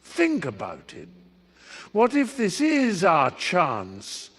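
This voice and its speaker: A man voicing a defiant young woman, with slow, earnest, insistent speech in a storybook reading. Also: high-pitched, wildly swooping pitch, voice pushed up, full character voice.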